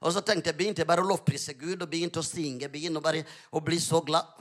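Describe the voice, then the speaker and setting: A man pastor preaching a sermon, telling a story with lively, emphatic exclamations. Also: fairly high pitch.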